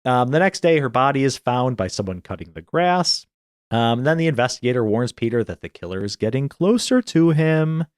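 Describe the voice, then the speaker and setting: A man's voice: mid-range voice, animated, normal speed, clean tone, no room sound, clean studio sound. A man co-hosting a podcast, recapping a film in casual chat and laughing often as he tells the story. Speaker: podcast co-host.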